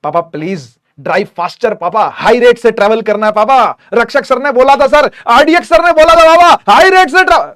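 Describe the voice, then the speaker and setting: Whiny teenage boy pleading with his dad , played by a male teacher, high and thin. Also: expressive, brisk, hardly any pauses, fairly bright tone.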